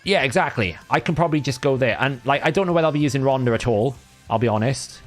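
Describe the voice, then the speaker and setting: This host from Wales, whose native tongue is Welsh, speaks quickly in a mid-range voice during a live game stream with soft music underneath. He chats casually, thinking aloud and often fixing what he's just said.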